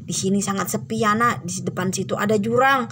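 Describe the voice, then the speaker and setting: A woman doing a slow gloating giant. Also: background noise, natural voice. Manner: slow, gloating, booming laughs. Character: huge menacing yellow giant, hunting children.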